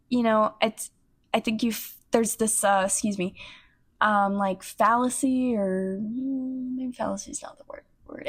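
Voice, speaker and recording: A young woman rambles through a solo podcast episode, stopping and restarting her sentences and swearing offhandedly as she hunts for words. Her voice sits a little high and she takes her time. It sounds like an unhurried personal monologue. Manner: scattered, self-interrupting, swears casually. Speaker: podcast host.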